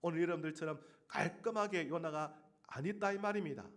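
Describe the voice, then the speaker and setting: A male pastor preaching a sermon, asking the congregation rhetorical questions and breaking into sudden loud outbursts. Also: a little high, fairly quick.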